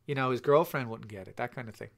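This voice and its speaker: A man co-hosting a casual movie commentary podcast, joking and teasing in quick bursts. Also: medium pitch, gravelly, a little hiss or hum. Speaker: podcast co-host.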